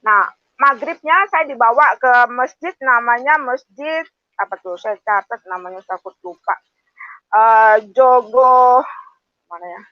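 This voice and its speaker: A woman in her fifties from Padang, Indonesia, telling her personal testimony in an animated way, full of hesitant fillers. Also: fairly high pitch, measured pace, dry recording, muffled recording. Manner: animated, acts out quoted voices, many hesitant fillers. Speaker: testimony speaker.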